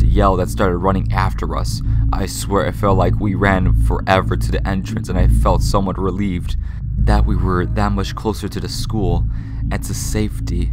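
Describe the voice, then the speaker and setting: A man narrating creepy first-person stories from a script in a measured, dramatic storytelling way. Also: sits low, background noise. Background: music bed.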